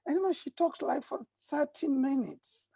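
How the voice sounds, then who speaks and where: A man's voice: extremely high pitch, moderate pace, creaky, warm tone, dry recording. A middle-aged man hosting a talk show, hesitating with many uhs and ums and chuckling between remarks. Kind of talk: casual studio chat.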